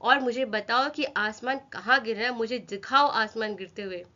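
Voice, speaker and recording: A woman voicing an angry male lion, the king of the jungle, who speaks slowly and loudly, heard on a dull lo-fi recording. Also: fairly high pitch. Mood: demanding. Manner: slow, loud, demanding questions.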